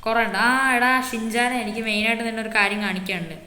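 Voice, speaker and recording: A woman's voice: fairly high pitch, fairly even intonation, fast, pushed and bright. A woman voicing an easygoing adult man, showing off his city in a game role-play with a boastful, teasing big-brother tone. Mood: casual. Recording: echoey roomy reverb.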